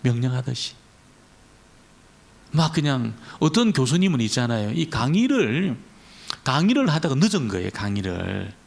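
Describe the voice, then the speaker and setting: A man's voice: mid-range voice, sing-song, moderate pace, gravelly, long pauses. A male pastor giving a conversational Friday prayer meeting sermon, repeating key words for emphasis. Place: church.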